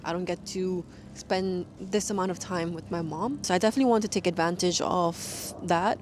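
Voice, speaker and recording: Woman in her 30s just rambling to the camera on a walk, faint outdoor hum behind. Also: lowish voice. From Nepal. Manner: rambling, candid, thinking aloud. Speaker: vlogger. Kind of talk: reflective personal vlog chat. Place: city park, outdoors, walking.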